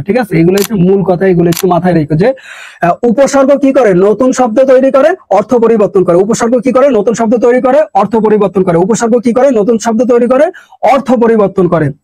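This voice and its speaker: A man's voice: sits high, warm tone, rough recording. A male teacher from Bangladesh, giving an exam-prep grammar lesson and repeating questions and answers as drills.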